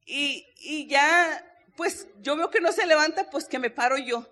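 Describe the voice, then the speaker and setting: A woman speaks from a convention stage, sharing her story in an earnest, personal way. Her voice sits high. She keeps turning to the audience and talking to them directly. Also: measured pace, sharp tone. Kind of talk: motivational stage testimony. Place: stage before a live audience.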